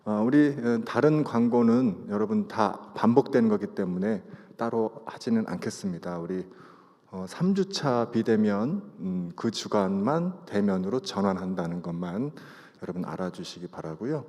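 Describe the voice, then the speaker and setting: A man reads chapel announcements over a PA system, his voice deep and dark. He pauses often with filler sounds. A long hall reverb trails each phrase. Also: expressive. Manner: halting, with many filler sounds. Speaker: chapel service leader giving announcements.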